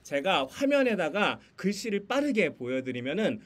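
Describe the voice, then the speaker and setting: This online teacher training features a Sunday school curriculum presenter speaking through a computer mic on a video call. His high, very animated voice moves at normal speed as he covers a children's lesson and quiz games, frequently laughing and teasing in a playful game voice.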